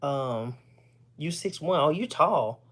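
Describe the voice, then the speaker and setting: A man's voice: on the high side, takes it slowly. Breathless man chatting casually. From Texas. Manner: relaxed, rambling, clears throat often. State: short of breath, stops for air. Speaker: streamer chatting with viewers. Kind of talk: casual chat.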